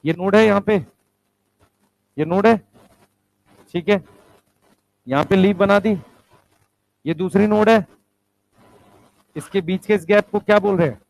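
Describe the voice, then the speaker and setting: A man's voice: sits high, a little slow, vocal fry, pauses often, darkish tone, no echo, low-quality recording. A male teacher giving a classroom lecture, explaining step by step, asking the students questions and calling them beta and bhai.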